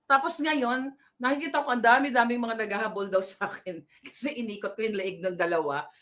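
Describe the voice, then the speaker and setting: A woman's voice: on the high side, a little fast, a bit bright. A woman vlogger telling a long story in a casual, rambling way, with many fillers and restarts and laughs at her own tale. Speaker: political vlogger.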